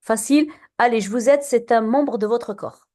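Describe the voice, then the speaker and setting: A woman teacher leads a poetry lesson in a classroom, her voice mellow and warm. She talks patiently, keeps quizzing her students and fills pauses with many hesitations and restarts, heard through a recorder in the room. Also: a little high.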